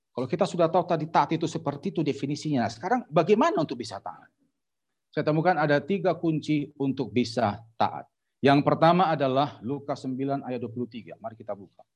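Husky male preacher telling a story. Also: on the high side, animated, fast, lo-fi sound. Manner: storytelling preacher, stern and emphatic, addressing the congregation as "saudara". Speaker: pastor. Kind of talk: sermon.

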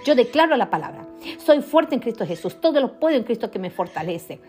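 A woman's voice: a little high, very animated, fairly quick, darkish tone, soft background music. A middle-aged woman preaching a sermon, with fervent, repeated declarations.

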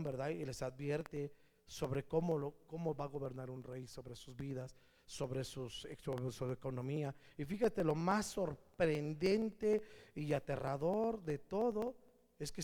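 A man's voice: on the high side, measured pace, dark tone. A man with a Mexican accent preaching a sermon to a congregation in a loose, slangy way, sometimes putting on voices for the people he quotes. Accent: Mexican Spanish. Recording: long hall reverb.

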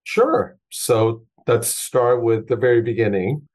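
This man in his forties, originally from Taiwan, is a guest chef in a casual interview. His medium-pitched voice has a darkish tone, and he speaks slowly and hesitantly, with frequent fillers and restarts.

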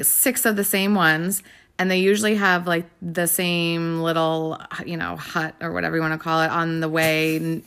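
A woman's voice: fairly low pitch, fairly bright tone. A woman co-hosting a podcast, chatting casually as a bubbly, giggly, rambling storyteller. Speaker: podcast co-host. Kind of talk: casual chat.

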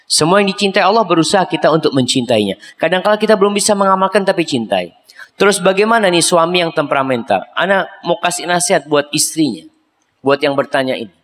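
A man's voice: a little high, quick pace. A man preaching a humorous, emphatic sermon and answering a question from the congregation. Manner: lively, humorous, emphatic rising peaks. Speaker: Islamic preacher. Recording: long echoey hall reverb.

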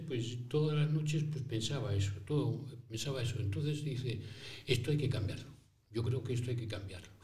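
A man voices a kindly old priest who founded schools for poor children, with a voice of middling pitch. He tells his story in first person, tosses out rhetorical questions and plays out little dialogues. The voice sounds far from the mic, with a roomy echo around it. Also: mellow, natural voice. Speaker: interviewee in character.

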